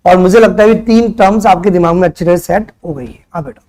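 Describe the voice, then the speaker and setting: A man's voice: high-pitched, quick pace, a little mellow. A young man from India giving a classroom lecture, chatty, throwing questions at his students and mixing in English terms. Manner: conversational, quizzes students with rhetorical questions; mixes Hindi with English terms. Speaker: tutor.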